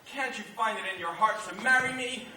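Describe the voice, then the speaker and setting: A man's voice: sits high, brisk, bright, forceful tone, a little hiss or hum. An actor playing an earnest, lovestruck young groom pleading with his bride. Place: theater stage. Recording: echoey stage from far off with music.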